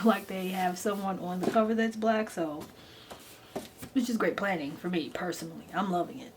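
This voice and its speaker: Chatty, gushing woman book reviewer, lowish voice, noisy. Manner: informal, enthusiastic, emphatic repetition. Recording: noticeable background noise.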